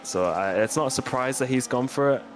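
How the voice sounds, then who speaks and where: A man co-commentating a league sim race, hesitant with fillers between points and more animated when the cars are racing. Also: mid-range voice, brisk, slight background noise. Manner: hesitant, many ums and restarts, gets animated during race action.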